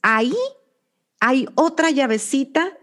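A woman with a Mexican accent hosting an interview, speaking warmly and reflectively about following one's heart. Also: sits high, slow pace. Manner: warm, reflective, talks of intuition and the heart. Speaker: interview host.

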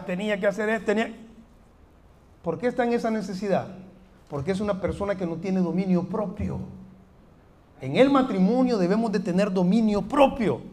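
A man in his forties with a Salvadoran accent, preaching a sermon with humor and many rhetorical questions. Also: sits high. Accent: Salvadoran Spanish. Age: 40s. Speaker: pastor.

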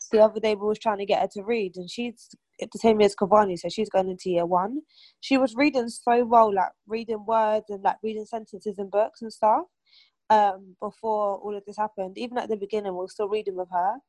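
A woman's voice: mid-range voice, fairly even intonation, fairly quick, darkish tone, dry recording. Young woman, casual group chat, rambling and filler-heavy, close dry sound. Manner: chatty, many fillers and restarts. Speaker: aunt and mother of a toddler.

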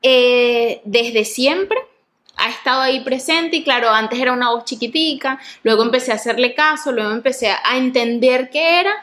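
A woman with a slightly high voice talks things over in a reflective way. She often answers with short, agreeing replies while the other speaker tells her stories. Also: normal speed, a bit bright. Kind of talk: casual conversation.

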